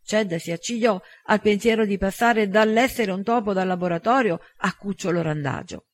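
A man reading an audiobook in an even, measured narration. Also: sits high.

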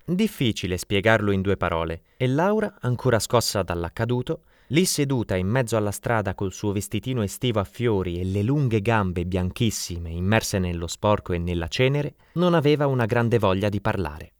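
A man narrating a story in an expressive, dramatic reading. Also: fairly low pitch, normal speed, few pauses, dry recording, studio quality. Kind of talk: audiobook narration.

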